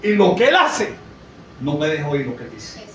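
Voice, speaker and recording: A man preacher voicing an insistent old woman in the pews who shouts high and loud to be heard. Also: big pitch swings, normal speed, a crowd in the background. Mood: matter-of-fact. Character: hard-of-hearing old church lady, insistent. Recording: echoey, distant, faint noise.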